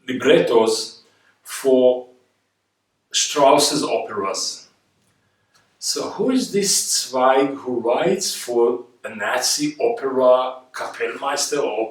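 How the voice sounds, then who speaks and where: A guest speaker with an Israeli accent gives a reflective lecture on history at a middling pitch, stressing points, posing rhetorical questions and building through repetition. The recording comes from an echoey room with the microphone a little distant.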